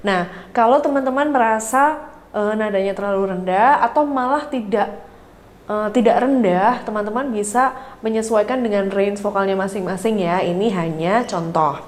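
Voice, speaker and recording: A woman vocal coach giving an online singing lesson. She speaks to learners in a friendly way with many "eh" fillers, and between explanations she sings scales and warm-up syllables. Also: medium pitch, normal speed.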